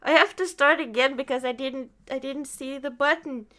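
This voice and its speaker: This podcast host's voice sits high and moves at normal speed. Chatting casually, she brings her stories to life by acting out her own reactions.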